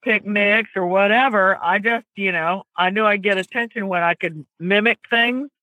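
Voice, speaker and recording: A woman's voice: medium pitch, moderate pace, no echo, poor audio. A comedian woman with a Southern US accent, chatting casually and animatedly in an interview. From American South. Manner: chatty, animated, laughs easily. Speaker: comedian guest.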